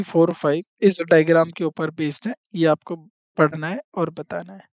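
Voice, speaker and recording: A teacher giving an exam-prep lesson who repeats each point, reads statements out slowly and keeps checking in with the class. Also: mid-range voice, darkish tone, dry recording. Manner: reads out English statements slowly, then explains them in Hindi.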